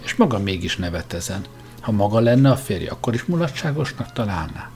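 Sex: man. Figure: a man voicing a sharp probing grandmaster. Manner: cutting, questioning. Pitch: fairly low. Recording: faint music. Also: very animated, vocal fry. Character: shrewd probing male grandmaster, dry and cutting.

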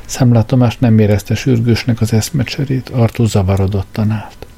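A man reading a story aloud as narrator, in a measured storytelling manner. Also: on the low side, fairly even intonation, vocal fry, dark tone, breathy edge. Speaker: audiobook narrator. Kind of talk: scripted narration. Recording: faint background music.

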